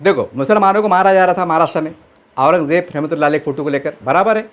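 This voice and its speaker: A man's voice: on the high side, fast talker. A man giving impassioned political commentary, asking rhetorical questions and answering them himself.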